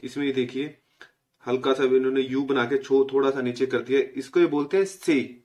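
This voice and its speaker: A young man from India giving a casual spoken language lesson, patiently explaining and slowly repeating each letter's sound. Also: mid-range voice, steady tone, darkish tone. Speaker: language teacher.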